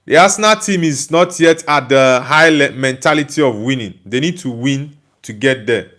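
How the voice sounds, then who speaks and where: A young man with a Nigerian accent runs a football channel's live stream, speaking at medium pitch and moderate pace in a slightly bright voice. His casual chat and reading of viewer comments are full of fillers and restarts.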